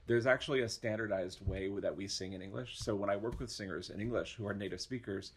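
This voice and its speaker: A man's voice: fairly low pitch, fast, slightly rough. A man, an opera education director, chatting enthusiastically in a casual podcast interview, with many fillers and restarts.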